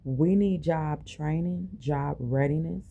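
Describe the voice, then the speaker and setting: A woman's voice: deep voice, slow pace, gravelly, narrow, tinny audio. A woman delivering an impassioned personal monologue in colloquial, informal phrasing, emphatic and full of rhetorical questions. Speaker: medical clinic worker.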